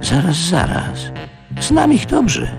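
A man's voice: high-pitched, huge pitch swings, slow pace, creaky, music in the background, pitched above the performer's own voice, full character voice. An actor reading a blunt, conspiratorial middle-aged male factory party official in a radio story. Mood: scheming.

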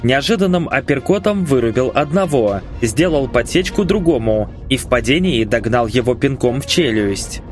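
A man's voice: mid-range voice, moderate pace, few pauses, faint music behind. A man narrating a first-person audiobook expressively, acting out the dialogue. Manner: expressive, commanding in the hero's lines.

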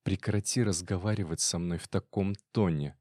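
A man with a low voice reading the lines of a cool, defiant actress wife in an audiobook, in a calm, cold tone. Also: measured pace, no echo, clean studio sound. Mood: calm scornful. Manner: cold, calm, then sharp.

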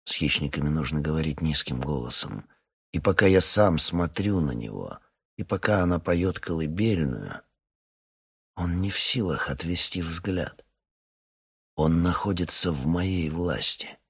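Deep husky male audiobook narrator. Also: no room sound, studio quality. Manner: calm, measured, low and steady. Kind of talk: first-person audiobook narration.

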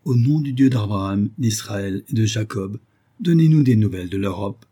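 A man reading aloud voices a persistent merchant who pleads insistently in a husky voice. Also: lowish voice, lively intonation, normal speed, warm tone, no room sound, studio quality. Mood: pleading.

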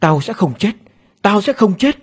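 A man's voice: a little high, animated, normal speed, darkish tone, breathy edge, voice pushed up. A man voicing a frightened young woman in a horror story, crying out in panic and pleading. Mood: terrified.

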